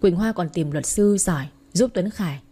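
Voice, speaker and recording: A woman narrating a story in the first person, reading in a steady storytelling manner. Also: on the low side, normal speed, slightly rough. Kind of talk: scripted narration.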